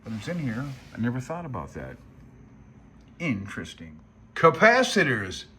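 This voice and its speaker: With a mid-range voice whose pitch swoops wildly, this man speaks at a moderate pace in a sharp, slightly rough tone. He hosts a casual amateur radio hobbyist vlog, explaining off the cuff in a rambling, folksy, self-deprecating, uncertain manner.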